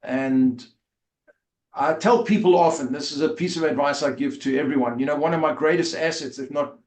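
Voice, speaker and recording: A man's voice: a little high, normal speed, darkish tone. A man in his fifties with a South African accent, a rabbi telling his life story earnestly as an interview guest. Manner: earnest, with frequent fillers and restarts. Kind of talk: conversational storytelling. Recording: roomy echo.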